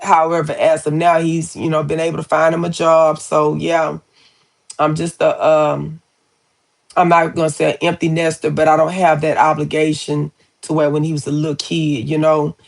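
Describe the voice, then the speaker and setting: A woman's voice: sits low, completely flat delivery, normal speed, creaky. A woman in her forties chatting casually on a live stream, talking to viewers as y'all and baby and reading their comments aloud. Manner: reads viewer comments aloud and answers them.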